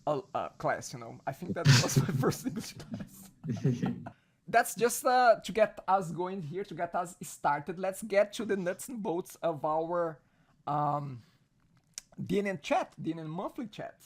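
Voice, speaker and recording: A man's voice: sits high, animated, a little slow. A man hosting a casual online video chat. He laughs often and restarts his phrases. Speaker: host.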